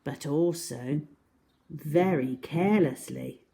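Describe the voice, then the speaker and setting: Speaking directly to young children, a storyteller reads them a picture book with dramatic pauses and emphasis. Her voice is low and mellow, with vocal fry.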